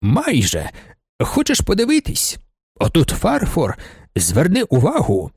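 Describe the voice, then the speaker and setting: A man reading an old shop clerk, earnest, fatherly, lively sweeping pitch, dry close sound. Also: unhurried, slightly rough, no echo, exaggerated voice. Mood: cheerful. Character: old male shop clerk, loyal friend.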